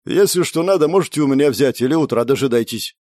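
A man voicing a heavyset middle-aged innkeeper, brisk and matter-of-fact. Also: medium pitch, animated, darkish tone, no echo, studio quality, lightly acted. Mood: businesslike.

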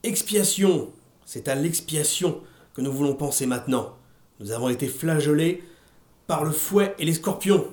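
A man reading aloud and voicing a fanatical old woman preaching a feverish, shouted sermon. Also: fairly high pitch, moderate pace, roomy sound, close to an everyday voice.

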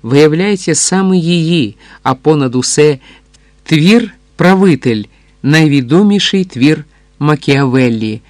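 A man reading historical fiction aloud in a calm, even scripted narration. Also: a little high, no room sound. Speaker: audiobook narrator.

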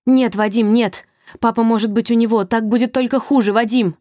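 A woman voicing a terrified young woman trapped in a locked room, shouting frantic pleas. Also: medium pitch, steady tone, fairly quick, no echo, clean studio sound, close to an everyday voice.

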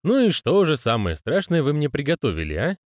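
A male reader voicing a nervous, quick-tongued con man. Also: on the high side, wildly swooping pitch, no echo, studio quality, pitched above the performer's own voice. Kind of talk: audiobook character voicing.

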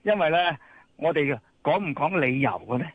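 A man's voice: a little high, very animated, normal speed, husky, dry recording. A man with a Hong Kong Cantonese accent calling in to a radio show, agitated and firing rhetorical questions. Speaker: caller. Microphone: phone. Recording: tinny phone line.

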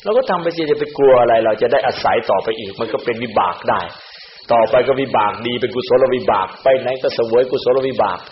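Male monk preacher, lively delivery, recorded dull with a faint hiss. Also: mid-range voice, fast talker, echoey room. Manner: animated, acts out other people's words in quoted voices. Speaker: Buddhist monk. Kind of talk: Dhamma sermon.

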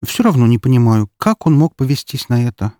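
A man reading an audiobook and voicing a sharp, dismissive young woman who teases and gets defensive. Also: mid-range voice, big pitch swings, brisk, no room sound, studio quality, pitched above the performer's own voice, lightly acted. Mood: scoffing. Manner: scoffing, sharp and a bit defensive. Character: young woman, quick-tongued, dismissive, teasing. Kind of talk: audiobook character voice.

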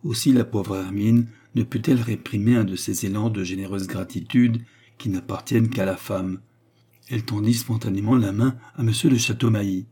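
A man narrating a classic novel as an audiobook in a measured, even way. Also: lowish voice, husky.

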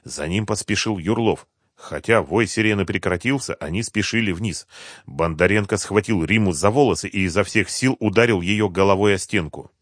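A man narrating a crime audiobook in an even, measured manner. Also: low-pitched, no echo, studio quality.

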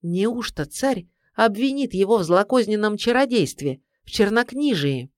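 Storybook narrator, measured, dramatic, mid pitch, dry close sound. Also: lively intonation, dry recording. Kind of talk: scripted audiobook narration.

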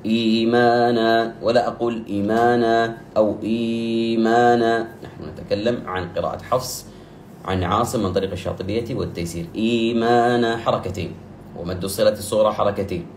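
A man teaching the rules of Quran recitation. He explains methodically, repeats key terms, corrects errors firmly, and chants examples with long drawn-out vowels. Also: on the low side. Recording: echoey room with faint background noise.

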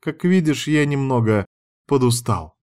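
A man doing a gruff commanding man. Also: mid-range voice, lively intonation, measured pace, a little mellow, lightly acted.

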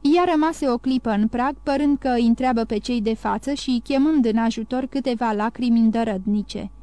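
A woman narrating a classic novel as an audiobook, reading in a measured, even way. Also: a little high, no echo. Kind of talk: scripted narration.

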